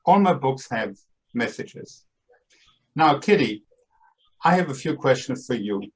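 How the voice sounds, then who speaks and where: With an animated, husky, medium-pitched voice, a Brooklyn-accented podcast host in his seventies talks a little slowly. He is from Austria and Brooklyn, New York, and keeps his casual monologue upbeat, emphatic and playful.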